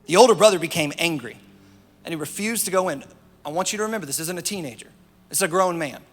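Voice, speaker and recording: A man's voice: a little high, fast, a little hiss or hum. A man preaching a sermon as a pastor, animatedly retelling a story with playful asides. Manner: animated storytelling, acting out the parable. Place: church auditorium. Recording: church hall reverb, faint music behind.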